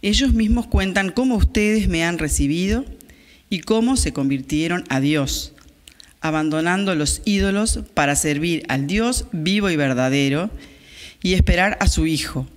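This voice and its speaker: A woman reads a scripture passage at Mass in a steady, careful way at a lectern microphone in a small chapel. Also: deep voice. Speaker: lay reader at Mass. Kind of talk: liturgical scripture reading. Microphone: gooseneck microphone on the lectern. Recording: reverberant chapel sound.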